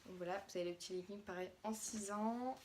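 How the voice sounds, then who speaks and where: This young French mother chats casually while showing off a haul of her daughter's clothes, full of fillers and restarts. Her medium-pitched voice moves fairly quickly over a faint hiss or hum.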